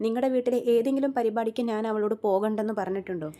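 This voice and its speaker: A woman's voice: a little high, racing, dark tone, natural voice. A woman voicing an angry young husband who drives a taxi, asking bitter rhetorical questions.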